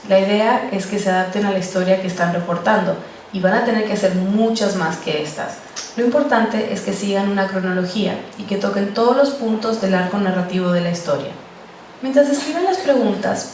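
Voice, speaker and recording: A woman giving a talk on podcast journalism, explaining interview technique in a clear, steady way. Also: medium pitch. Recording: roomy echo, distant mic, faint noise.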